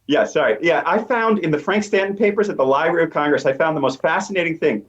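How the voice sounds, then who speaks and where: An academic guest in an interview, a man explains his research eagerly and emphatically, talking quickly in a slightly high voice. The remote audio is dull and lo-fi.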